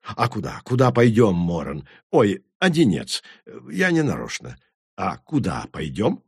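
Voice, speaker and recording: A man's voice: huge pitch swings, measured pace, creaky, husky, no echo, studio quality, full character voice. A man reading an audiobook, voicing a small, eager male root creature in a raised, bashful voice. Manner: eager, bashful, high-pitched.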